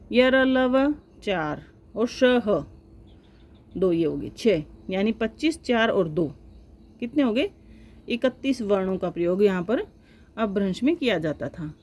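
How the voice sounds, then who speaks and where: A woman teaching a lecture to exam students, explaining step by step and often pausing to check with her listeners. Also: medium pitch, darkish tone.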